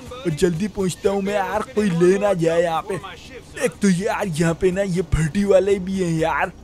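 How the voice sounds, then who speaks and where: A man doing a broke young shop helper in a game role-play, talking to himself nonstop in a Pakistani Urdu accent. His voice sits high for a man, and he rambles and chuckles between lines. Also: darkish tone, lightly acted. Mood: worried. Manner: rambling self-talk, frequent chuckles and "yaar".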